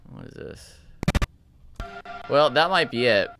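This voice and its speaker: A man's voice: mid-range voice, expressive, takes it slowly. A man casually walking through his own mix in a tutorial, thinking aloud in a loose, rambling way. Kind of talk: casual screen-share tutorial. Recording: voice over loud music playback.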